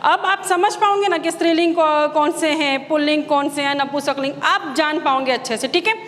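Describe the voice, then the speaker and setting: A woman's voice: sits high, brisk, a bit bright, in a large hall, slight background noise. An Indian woman teaching a Sanskrit class, patiently repeating each word and giving its meaning. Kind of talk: recorded online class lesson.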